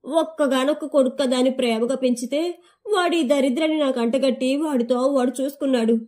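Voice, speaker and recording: A woman's voice: high voice, fairly quick, a little mellow, natural voice. A woman voicing a greedy, complaining older grandmother who whines about her lot. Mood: whiny. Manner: whiny, grasping.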